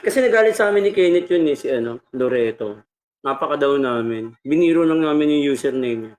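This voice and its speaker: A man's voice: on the high side, expressive, brisk. A man hosting a casual singing livestream, teasing and laughing with his listeners. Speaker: livestream host and singer. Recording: loud background noise.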